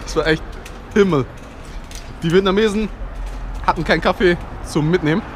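A man's voice: high voice, moderate pace, slight background noise. Chatty young man vlogging on the street. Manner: chatty, laughs often, slangy. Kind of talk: casual vlog chat. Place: city street at night, then a bedroom. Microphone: action camera held at arm's length.

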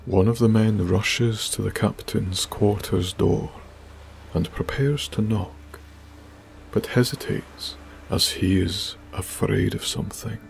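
A man narrating a bedtime sleep story in a soft, hushed, breathy manner. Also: lowish voice, slow pace, slight background noise.

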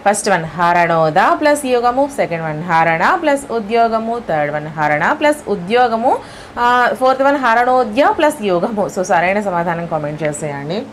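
A woman with a Telugu accent teaching an exam lesson step by step, often checking with "okay?", her voice lower than usual from early morning. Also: expressive, normal speed, slight background noise.

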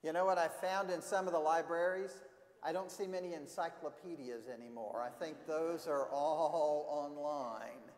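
A man reading a picture book to children during a church service, animated and often asking them questions. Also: on the high side, normal speed. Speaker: leader of a children's message in church worship. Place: church sanctuary. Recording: echoey church hall.

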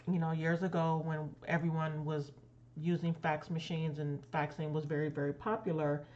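Low-voiced woman lisping with braces. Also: a little mellow, lo-fi sound. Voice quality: lisp from dental braces. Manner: careful effort to articulate clearly. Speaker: business consultant, channel host. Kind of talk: casual video recommendation.

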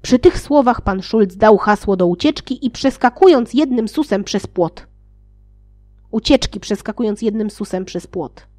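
A woman reading a fairy tale aloud, playful, with sarcastic asides and loudly acted quotes. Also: animated, a little slow. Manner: reads with sarcastic asides and laughs; acts out shouted quotes with raised pitch. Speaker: audiobook reader.

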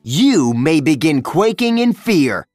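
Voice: mid-range voice, big pitch swings, slow, darkish tone, no echo, soft background music. A storybook reader voicing a pompous, theatrical evil male scientist who exclaims his schemes in a raised voice. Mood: scheming. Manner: exclaiming, melodramatic.

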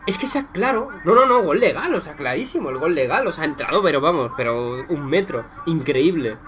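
A young man from Spain with a Spanish accent, reacting live to a football match, excitable and profane, shouting at goals and muttering in between, talking to his viewers like friends. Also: on the high side, brisk, a crowd in the background.

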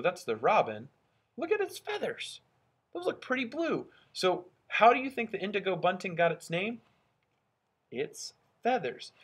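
Indoors at a school, seated at a wooden desk, a male elementary teacher reads aloud and explains a lesson to children. His voice is husky and on the high side, expressive as he thinks out loud.

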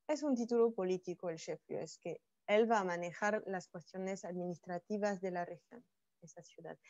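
A woman's voice: on the high side, warm tone, dry recording, lo-fi sound. A woman from France teaching a bilingual online class, explaining each French phrase again in Spanish.

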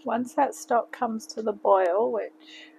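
Woman, home cooking vlog, slow unhurried talk, gravelly voice, noisy kitchen recording. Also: fairly high pitch. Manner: slow, relaxed step-by-step instructions with frequent "okay". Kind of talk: casual cooking demonstration.

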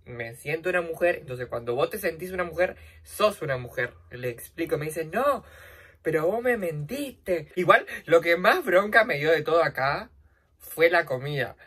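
A woman's voice: expressive, moderate pace, slightly rough. A young woman with a Rioplatense accent telling a dramatic, slangy story while doing her makeup for a vlog. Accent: Rioplatense Spanish. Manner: dramatic, slangy, swings between loud outbursts and low asides. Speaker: vlogger.

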